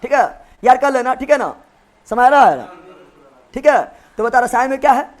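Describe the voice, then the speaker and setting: A man's voice: very high-pitched, normal speed. A man teaching a live online revision class, joking and quizzing his students with memory tricks. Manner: playful, joking, repeats questions to students. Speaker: exam coaching teacher.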